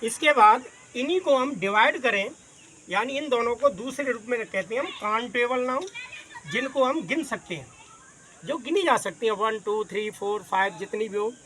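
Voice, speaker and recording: A man's voice: very high-pitched, sharp tone, a little hiss or hum. Patient man teaching a grammar lesson. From Agra, India. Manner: patient, explains by listing examples, calls students "son"; says he talks fast.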